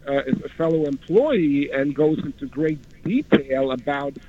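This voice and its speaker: A male radio caller speaks in a somewhat high voice. He tells his story haltingly, with hesitant phrasing. The sound is dull and narrow, coming down a telephone line. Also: animated. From Queens, New York. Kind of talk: personal account on a call-in show. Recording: dull, band-limited phone line.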